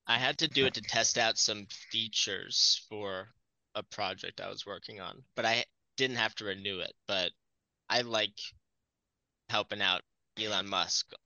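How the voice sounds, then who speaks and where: A man speaking haltingly with long pauses in a casual podcast chat. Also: lowish voice, pushed and bright, no room sound, muffled recording. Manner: halting, pausing speech. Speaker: podcast guest.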